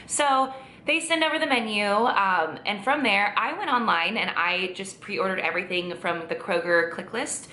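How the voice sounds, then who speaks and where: Chatty woman, bright echoey voice. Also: medium pitch, normal speed, slight background noise. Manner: chatty, gushing, many fillers and restarts. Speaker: vlogger. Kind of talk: casual vlog chat.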